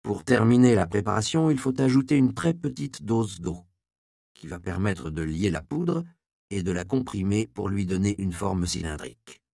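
A man voicing a grave, curt apothecary master who explains his work calmly. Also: on the low side, normal speed, creaky, no room sound, studio quality. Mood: instructive.

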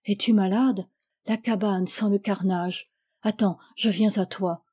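A woman's voice: medium pitch, steady tone, measured pace, dark tone, slightly rough. A woman reading aloud and voicing a desperate, passionate young native woman with an urgent delivery. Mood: anxious.

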